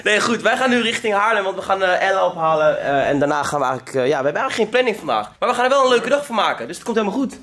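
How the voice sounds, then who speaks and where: A man's voice: high-pitched, big pitch swings, very fast, hardly any pauses, a bit bright, echoey room. A young man chatting casually to his viewers in a vlog, rambling and addressing them directly. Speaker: vlogger. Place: indoors at home.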